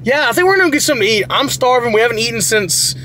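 Tired Texan man with a high voice. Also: expressive, very fast, sharp tone, slight background noise. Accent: Texas. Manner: tired, rambling, casual. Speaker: vlogger. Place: indoors, hospital area.

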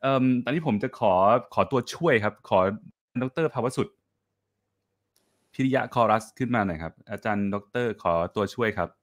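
A man's voice: fairly low pitch, lively intonation, quick pace, few pauses. Man coaching classical singing, demonstrating aloud. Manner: mixes English and Italian music terms into his speech; friendly, encouraging. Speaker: voice teacher. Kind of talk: online classical singing masterclass.

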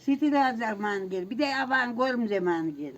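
A woman's voice: fairly high pitch, lively intonation, moderate pace, dull audio. An older woman with toothless speech, chatting casually outdoors and often giving pious blessings. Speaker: garden owner. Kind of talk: casual chat. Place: outdoors in a garden. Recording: noisy outdoor ambience.

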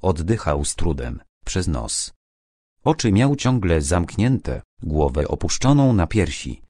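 A man narrating a crime novel audiobook in a measured, dramatic storytelling way. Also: low-pitched, big pitch swings, warm tone, breathy edge, no echo, studio quality.

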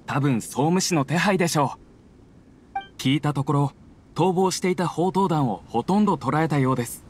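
男性が演じる礼儀正しく職務に忠実な若い衛兵、丁寧な敬語。やや高めの声で、背後にかすかな環境音。. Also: male voice, a little high, normal speed, darkish tone, a little hiss or hum, close to an everyday voice. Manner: formal, respectful. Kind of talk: video game dialogue.

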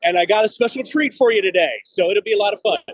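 A man in his fifties hosts a podcast, chatting casually in a talkative, easygoing way as he walks outside and into a studio building. His voice is high-pitched, fast and slightly rough, caught on a phone held at arm's length during a video call. The recording is rough, with no room sound.

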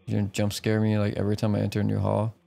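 Low, creaky-voiced man streaming a horror game. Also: monotone, racing, warm tone. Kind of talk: casual game commentary, reading dialogue choices. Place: small home room, indoors. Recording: faint game noise behind voice.

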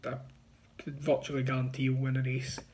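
Gravelly-voiced man in his thirties, chatty and sure of himself, tipster talking into a phone camera in a small room. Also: medium pitch, monotone, brisk, a little mellow, slight background noise. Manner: confident, chatty, pushing bets. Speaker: betting tipster. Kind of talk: casual to-camera tips. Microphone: phone front camera at arm's length.

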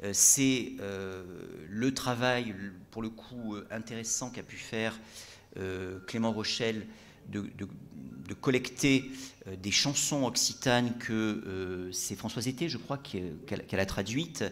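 A man's voice: lowish voice, measured pace, fairly bright tone, slight background noise. A man giving a talk about a book in a library lecture room, hesitant and full of fillers and restarts, before reading extracts aloud.

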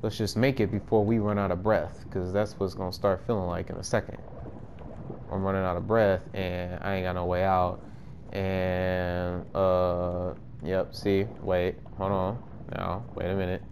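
A man giving casual commentary over a video game, cursing and reacting excitedly, talking into a headset. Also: deep voice, unhurried, slight background noise. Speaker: gamer.

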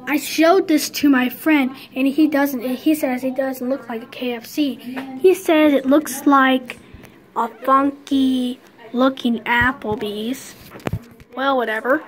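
A high-voiced woman with fairly even intonation takes her time as she films a casual walk-through vlog outside a closed restaurant she's exploring as an abandoned building. She rambles, frequently brushing things aside with "well, whatever," and the recording is rough.

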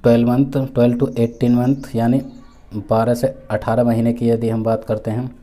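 A man from India gives an exam-preparation lecture in a deep, mellow, very dark voice, keeping his pitch flat and even. He explains each point in a measured way, repeating it with both Hindi and English terms. Frequent fillers and restarts fill the gaps.

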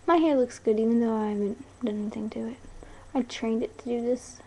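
Speaking briskly with a fairly high pitch and dark tone, a young woman rambles playfully into her webcam in a small bedroom, easily sidetracked and informal. As a video blogger she records on a close-range webcam mic, so the audio is noisy and cheap.

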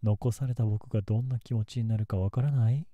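A man playing a possessive, lovesick young man in an ASMR role-play, speaking softly and close to the mic with quiet, obsessive menace. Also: low voice, fairly even intonation, moderate pace, slightly rough, dry recording, lo-fi sound. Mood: menacing, bitter. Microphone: close ASMR microphone in a dry space.

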